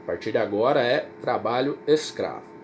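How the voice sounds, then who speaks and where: In this informal recorded history lecture, a Brazilian teacher speaks with a Brazilian Portuguese accent in a mid-range, expressive voice at a moderate pace. He keeps it casual, repeats himself and checks in with "certo?" and "tá?", with background noise present.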